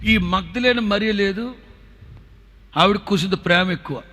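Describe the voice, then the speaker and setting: Male pastor, fairly high voice, vivid storyteller, builds to forceful exhortation. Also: normal speed, slight background noise. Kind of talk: sermon.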